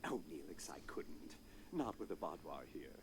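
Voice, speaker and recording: Self-satisfied hologram doctor, game voice, lively pitch, noisy track. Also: male voice, normal speed. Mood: pompous. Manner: pompous, self-satisfied boasting. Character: vain, pompous male hologram doctor.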